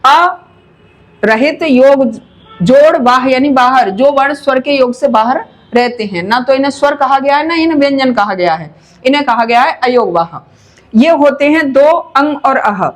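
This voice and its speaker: A woman's voice: high-pitched, animated, normal speed. A woman teaching a Hindi grammar lesson in a patient, explanatory way, drawing out sounds to show how they are pronounced. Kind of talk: classroom-style grammar lesson.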